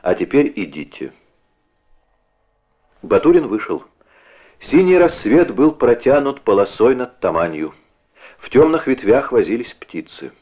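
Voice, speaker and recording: A man reading a novel aloud in a measured, even narration. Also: medium pitch. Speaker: audiobook narrator. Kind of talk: scripted literary narration. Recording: narrow phone-like audio.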